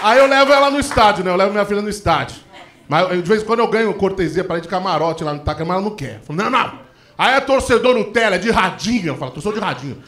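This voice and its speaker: A middle-aged man doing a stand-up comedy routine, telling animated stories full of acted-out quotes. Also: high voice, racing, some chatter behind. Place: comedy stage before a live audience. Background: audience laughter.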